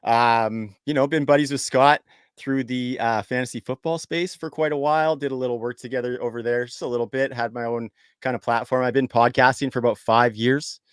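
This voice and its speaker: An upbeat young man from Canada hosts a sports podcast, chatting loosely and laughing easily. His voice sits at a middle pitch. It is recorded close and dry on a podcast mic. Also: steady tone, fairly quick, clean tone, no echo. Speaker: podcast host. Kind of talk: casual sports podcast chat.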